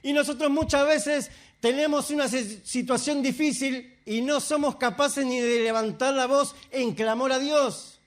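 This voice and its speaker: A male pastor preaches a sermon, his voice sitting very high for a man. He swings from hushed, quiet asides to raised, fervent outbursts. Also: fairly even intonation, a little slow, few pauses.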